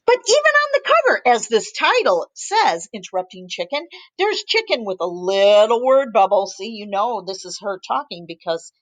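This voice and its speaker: A woman teacher reading bedtime stories aloud to young children, animated and sing-song. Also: mid-range voice, normal speed, hardly any pauses, no echo.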